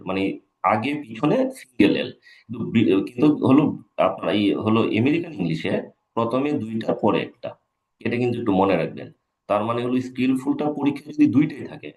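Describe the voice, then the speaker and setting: A man's voice: mid-range voice, highs cut off. A man, an English teacher, giving a live exam-prep lecture, repeating key points and checking in with his students. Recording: echoey room.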